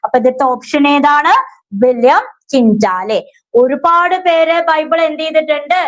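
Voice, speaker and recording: Brief: high-pitched woman with a Malayali accent, a teacher running an exam revision lesson who draws out English words slowly. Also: highs cut off. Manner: asks questions and answers them herself; stretches words slowly when reading English.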